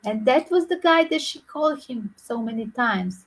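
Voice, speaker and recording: A woman tarot reader talking to her viewers in a loose, rambling way, often filling pauses with "like". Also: a little high, expressive, low-quality recording. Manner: rambling, frequent "like" fillers. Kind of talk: casual speculative monologue to viewers.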